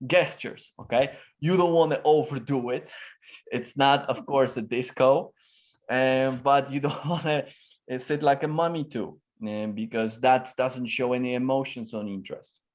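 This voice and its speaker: With a steady tone and medium pitch, a man answers questions at a moderate pace as a communication expert being interviewed. He stresses his points, varies his pitch considerably, and often fills gaps with fillers.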